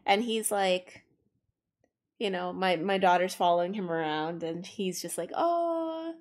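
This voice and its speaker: A woman's voice: fairly low pitch, fairly even intonation, a little slow. A young adult woman streaming while she draws, chatting frankly and casually, swearing freely and laughing often. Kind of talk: casual chat while drawing.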